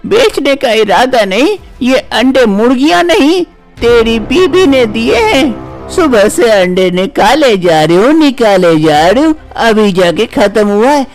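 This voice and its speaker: A man's voice: extremely high pitch, sing-song, unhurried, faint music behind, voice pushed up, exaggerated voice. A man voicing a cranky, dismissive older mother-in-law in a cartoon story, scolding her daughter-in-law.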